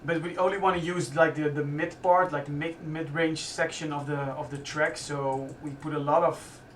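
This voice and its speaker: A man hosting a live stream from a music studio, explaining his production steps casually as he works and often pausing to restart his sentences. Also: fairly high pitch, steady tone. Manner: thinks aloud while working, halting with restarts. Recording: roomy studio sound from a distance.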